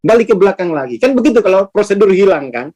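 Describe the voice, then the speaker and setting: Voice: medium pitch, sing-song, fast talker, warm tone. A spiritual teacher giving an informal class, talking casually, posing rhetorical questions and acting out quoted speech.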